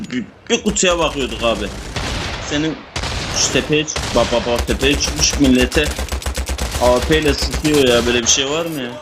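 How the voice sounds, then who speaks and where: Young male gamer, cursing and excitable, mid-range voice, loud gunfire under him. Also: medium pitch, noisy background. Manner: excitable, swears, talks to teammates and enemies. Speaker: gamer playing a shooter. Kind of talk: casual gameplay commentary. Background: gunfire and game sound effects.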